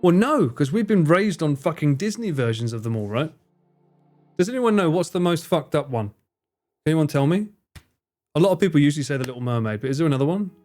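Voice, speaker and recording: A young livestreamer chats with his viewers while gaming, swearing, joking and laughing often as he talks to chat. His voice is fairly high and darkish in tone, animated and fairly quick, with faint music behind.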